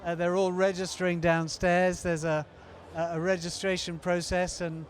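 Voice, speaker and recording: A man, an event organizer and former TV producer, chatting on a live stream in a loose, rambling way with many pauses. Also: sits high, little pitch movement. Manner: rambling, many fillers and restarts. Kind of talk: casual live stream chat.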